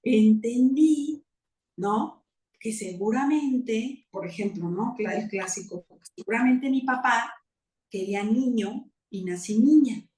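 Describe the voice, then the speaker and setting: A woman's voice: fairly high pitch, unhurried, a little mellow, far from the mic, a little hiss or hum. A woman with a Mexican Spanish accent, talking as a guest in easy, rambling conversation. She stacks up asides and keeps checking in with little rhetorical questions. Her voice sits back from the mic in a roomy, echoing space. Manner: chatty, many fillers and asides, rhetorical "¿no?". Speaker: guest biomagnetist. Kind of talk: casual talk-show explanation.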